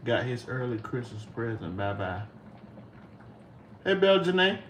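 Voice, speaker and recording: A middle-aged home cook vlogger chats casually with viewers and his pets while cooking in his kitchen. His medium-pitched voice is sing-song and a little slow. The room is echoey, with a distant mic and background noise.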